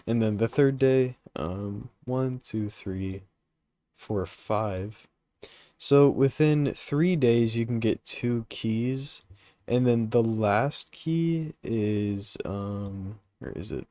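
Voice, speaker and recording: Speaking very slowly in a warm, lowish voice, this young man streams a game with no room echo. He hesitates constantly, filling gaps with ums and uhs while yawning, mapping out routes, and answering questions from chat as he plays.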